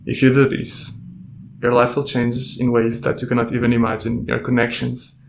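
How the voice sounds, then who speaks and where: A man hosting a self-help podcast, speaking calmly and gently in a reflective monologue full of rhetorical questions. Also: mid-range voice, moderate pace, vocal fry, slight background noise. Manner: calm, gentle, asks many rhetorical questions. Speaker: podcast host and coach.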